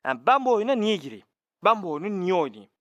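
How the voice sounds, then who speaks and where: A man's voice: sits high, sing-song, quick pace, fairly bright tone, no echo, lo-fi sound. A man ranting through a screen-recorded commentary on a mobile game, exasperated and firing off the same rhetorical questions to his viewers again and again. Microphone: phone recording.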